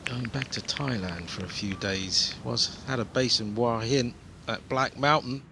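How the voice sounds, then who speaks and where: A man's voice: mid-range voice, a little slow, pushed and bright. A man giving golf commentary as a commentator. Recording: clear outdoor background noise.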